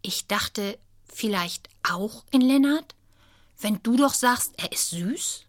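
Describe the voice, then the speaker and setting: A woman's voice: medium pitch, lively intonation, moderate pace, a bit bright, dry recording, studio quality, natural voice. A woman reading a children's story, voicing a shy, hesitant schoolgirl with a cautious, tentative manner.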